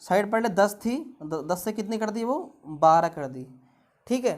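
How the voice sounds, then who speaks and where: A woman's voice: medium pitch, expressive, unhurried, a little mellow. A woman tutoring exam-prep math, talking through each step with rhetorical questions.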